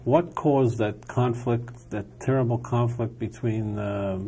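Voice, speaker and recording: A man's voice: medium pitch, steady tone, slow pace, mellow, a little hiss or hum. A man hosting a television studio interview, breaking in with short questions. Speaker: talk show host.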